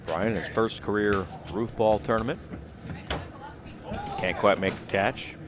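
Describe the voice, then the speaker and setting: A man's voice: on the low side, fairly even intonation, unhurried. An American man giving live play-by-play sports commentary. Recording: noisy outdoor event ambience.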